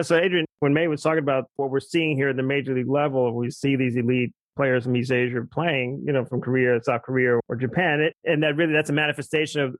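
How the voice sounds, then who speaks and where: Man talking fast on a panel, says "right?" a lot, dry recording. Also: mid-range voice, no room sound, rough recording. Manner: rapid, keeps checking in with "right?". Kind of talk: discussion, academic.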